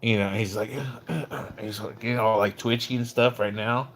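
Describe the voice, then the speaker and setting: A male livestreamer chats casually about another streamer, rambling through slangy, conversational stories and acting out quoted dialogue as he recounts events. His lowish voice has fairly even intonation at normal speed, with slight background noise.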